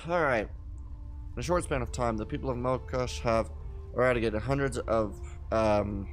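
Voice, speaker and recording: Man reading game story aloud over music. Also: medium pitch. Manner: stumbles over and corrects words while reading.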